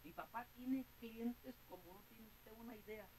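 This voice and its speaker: A Mexican man preaches in a high, bright-edged voice, telling his own story to the congregation. He talks earnestly, stumbling over repeated words and often addressing the listeners as brother. A faint hiss runs under the recording. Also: measured pace, low-quality recording. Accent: Mexican Spanish. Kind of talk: sermon with personal testimony.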